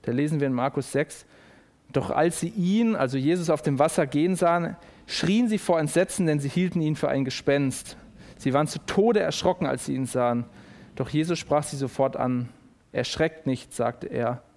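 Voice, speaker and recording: Earnest male preacher, higher voice. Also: darkish tone. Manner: explains slowly, repeats key phrases for emphasis. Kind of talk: sermon.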